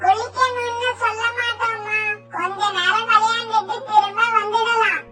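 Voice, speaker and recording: A woman's voice: extremely high pitch, fairly even intonation, normal speed, loud music behind the voice. A woman voicing a young girl bird in a cartoon, childlike and pleading, who looks after her little brother. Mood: coaxing. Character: young girl bird, loving elder sister.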